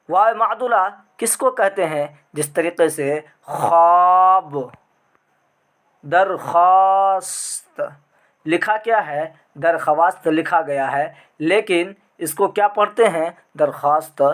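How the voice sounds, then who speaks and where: A man teaching an online grammar lesson, asking questions and answering them himself, drawing out the example words. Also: on the high side.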